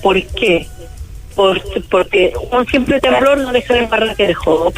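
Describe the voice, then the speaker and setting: A woman's voice: on the high side, expressive, measured pace, faint music behind. A Chilean woman calling in to a radio show, talking earnestly and insistently over a choppy phone line that keeps cutting out. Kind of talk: casual call-in chat.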